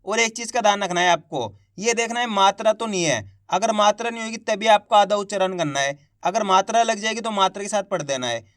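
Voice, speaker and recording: A man teaching beginners to read Hindi, spelling out syllables slowly and patiently and having the viewer repeat after him. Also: high-pitched, fairly bright tone, dry recording, studio quality.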